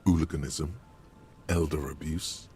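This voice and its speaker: An actor voicing a grave, deliberate game narrator who speaks as the hero's inner voice. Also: male voice, very deep voice, steady tone, warm tone, faint music behind.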